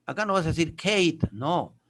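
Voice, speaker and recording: There's background noise as a male teacher with a fairly high, expressive voice explains a lesson a little slowly. He's patient, asking and answering his own questions and pausing for brief check-ins.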